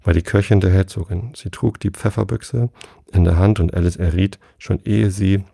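A man reading a children's classic aloud in plain, even storytelling, recorded close and dry. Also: deep voice, moderate pace, creaky, dry recording. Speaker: audiobook reader.

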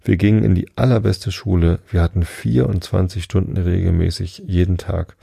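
A man's voice: low-pitched, steady tone, gravelly, dark tone, slightly rough, dry recording, studio quality, exaggerated voice. A man voicing a sighing, mournful mock turtle. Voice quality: slow, mournful and tearful. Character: sad sighing male mock turtle creature.

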